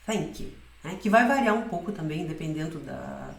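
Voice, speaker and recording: A woman with a fairly low voice gives a patient pronunciation lesson and keeps checking that her students follow along. Her voice sounds roomy, as if she is recording in an echoey room. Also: expressive, brisk, vocal fry. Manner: explains patiently, often checking with "né?" and "certo?". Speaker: Spanish pronunciation teacher.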